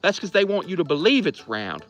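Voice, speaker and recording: Bright, animated man making insistent claims. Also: sits high, a little fast, muffled recording. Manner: insistent, emphatic assertions. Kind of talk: emphatic monologue of absurd claims.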